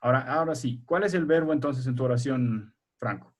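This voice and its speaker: A man's voice: mid-range voice, a little fast. A male primary school teacher leading a remote class over a video call, explaining patiently step by step and quizzing his pupils.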